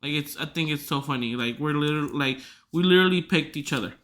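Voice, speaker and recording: A woman's voice: deep voice, fast talker, a bit bright. A young woman hosting a podcast in casual chat, rambling with lots of fillers and small laughs. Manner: rambling, filler-heavy, giggly asides. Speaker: podcast host.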